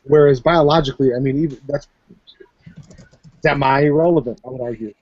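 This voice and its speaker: A man's voice: medium pitch, brisk, no room sound. A man from Minnesota in casual chat, talking brashly and profanely, rambling about big ideas. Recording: dull, lo-fi voice chat.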